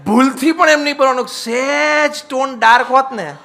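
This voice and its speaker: Bright, high-voiced swami giving a discourse. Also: male voice, moderate pace, vocal fry. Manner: lively and teasing, mixing English phrases into his talk. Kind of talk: humorous religious discourse on married life.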